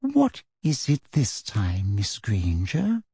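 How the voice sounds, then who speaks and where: A man voicing a prim, cold, middle-aged female teacher in a storybook reading, speaking slowly and softly with deliberate sweetness. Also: on the low side, huge pitch swings, slightly rough, no echo, studio quality, exaggerated voice. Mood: coldly polite. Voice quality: soft, deliberate, half-whispered.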